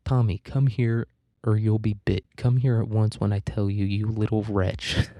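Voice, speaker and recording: A stern, gaunt bush mother scolding her child, as a man reading the story gives her lines. The voice is deep and dark, close and dry, with little change from the reader's own. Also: flat delivery, normal speed, dry recording, natural voice.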